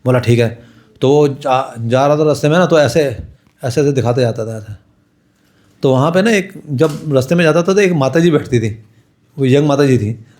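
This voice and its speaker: A man, a monk, telling stories in a lively way and acting out the quoted lines. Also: medium pitch, moderate pace. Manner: animated storyteller who acts out quotes. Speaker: monk and speaker. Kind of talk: storytelling talk.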